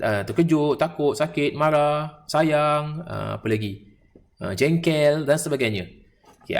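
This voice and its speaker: A young male primary school teacher with a Malaysian accent, giving an online grammar lesson and asking the class questions he answers himself. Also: fairly high pitch.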